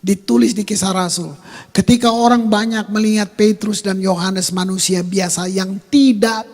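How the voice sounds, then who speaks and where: A middle-aged male pastor preaching a sermon in a casual, slangy way, swinging between loud bursts and quiet asides. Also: sits high, vocal fry, slightly rough. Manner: casual Jakarta slang, dramatic swings in loudness.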